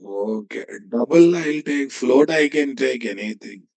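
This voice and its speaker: A man's voice: mid-range voice, animated, measured pace, vocal fry, a little mellow. A man with a Telugu Indian English accent giving a live coding lesson, dictating as he types and often repeating phrases and checking with students. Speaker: programming instructor.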